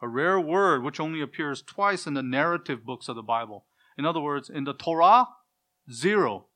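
A man preaching an expository Bible lesson, stressing key words loudly and dropping to quiet asides, with Hebrew pronunciations of names. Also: on the high side, animated, normal speed. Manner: emphatic, swings from loud stresses to quiet asides.

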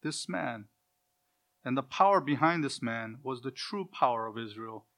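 A man preaching an expository Bible lesson, stressing key words loudly and dropping to quiet asides, with Hebrew pronunciations of names. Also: medium pitch, expressive, moderate pace. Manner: emphatic, swings from loud stresses to quiet asides.

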